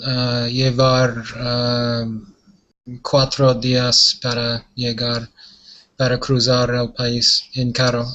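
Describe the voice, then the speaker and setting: A man answering as a student in an online language class, halting and searching for his words. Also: medium pitch, completely flat delivery, sharp tone, low-quality recording.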